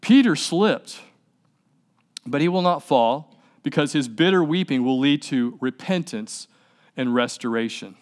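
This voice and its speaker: A man's voice: on the high side, expressive, a little slow, a little mellow. A man preaching a sermon in a conversational way, asking rhetorical questions and repeating words as he stresses his points. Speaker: pastor.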